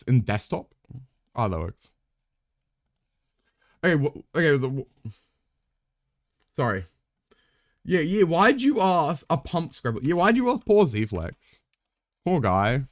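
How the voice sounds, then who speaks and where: A man's voice: medium pitch, no echo, clean studio sound. A young man live-streaming a game, chatting casually in a rambling way, swearing freely, with wry asides to his viewers.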